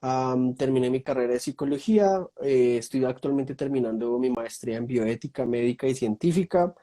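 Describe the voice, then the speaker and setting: In a laid-back video-call conversation, a young Colombian man with a Colombian Spanish accent thoughtfully enumerates topics and uses many fillers. His mid-range voice is warm and moves at a normal speed.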